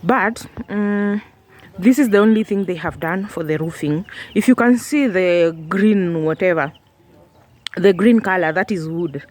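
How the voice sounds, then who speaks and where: A woman's voice: fairly low pitch, measured pace, a little mellow. Chatty woman vlogging outdoors. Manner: chatty, rambling, with fillers and laughs. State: talking around candy in her mouth. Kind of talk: casual vlog narration. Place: outdoors at a house building site, drizzling.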